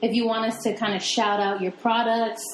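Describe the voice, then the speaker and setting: A woman co-hosting a casual podcast, playful and quick to laugh. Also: a little high, steady tone, echoey room, slight background noise, low-quality recording. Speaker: podcast co-host.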